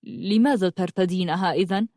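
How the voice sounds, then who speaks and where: A man's voice: high voice, a little fast, darkish tone, no echo, studio quality, natural voice. A woman voicing a curious, skeptical young man who asks questions.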